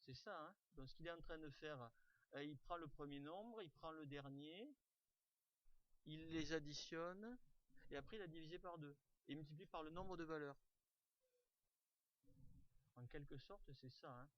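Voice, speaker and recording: A man's voice: on the high side, normal speed, pauses often, a bit bright, dry recording, lo-fi sound. A man teaching an online class, talking informally with lots of fillers and restarts over a computer mic. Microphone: computer mic on a video call.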